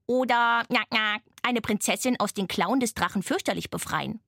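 A woman's voice: fairly high pitch, normal speed, creaky, a bit bright, no room sound, studio quality. A woman voicing a chirpy plastic toy duck who works as a clerk and keeps adding a clacking sound. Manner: adds a clacking "knack, knack".

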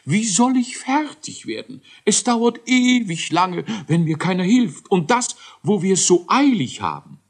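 A man's voice: high-pitched, big pitch swings, unhurried, few pauses, pitched above the performer's own voice, exaggerated voice. A man doing a fussy, whiny dwarf scientist. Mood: wailing. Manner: whiny, fretful, hesitant. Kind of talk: audiobook character voice.

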